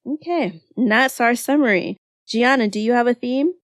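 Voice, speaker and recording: A woman's voice: a little high, normal speed, no echo. A woman in her thirties co-hosting a podcast, talking loosely and laughing often in casual chat. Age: 30s. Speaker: podcast co-host.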